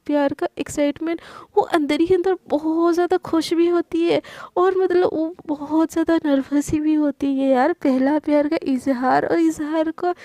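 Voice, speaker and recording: A woman telling a love story in a chatty, animated way, stopping now and then to correct herself. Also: high-pitched, dry recording. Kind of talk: casual spoken storytelling.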